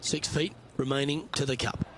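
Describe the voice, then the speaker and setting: A man's voice: medium pitch, flat delivery, moderate pace, noisy background, lightly acted. A man playing a lead golf commentator in a video game, calling play in a polished broadcast style. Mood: composed, appreciative.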